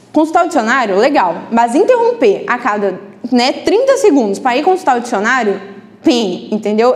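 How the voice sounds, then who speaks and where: Woman teacher, high voice, rapid delivery, chatty lecture, reverberant classroom. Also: a little mellow. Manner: chatty, frequent tag questions. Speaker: book club teacher.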